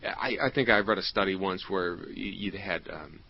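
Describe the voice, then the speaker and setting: Agreeable male interviewer, low voice, halting delivery, dull lo-fi recording. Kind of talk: casual promotional chat.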